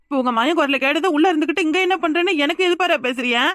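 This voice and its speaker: A woman voicing a frightened young village wife in a cartoon, with a Kanyakumari Tamil accent and a rapid, insistent manner. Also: high voice, a bit bright, no echo, studio quality. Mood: urgent. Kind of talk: cartoon voice acting.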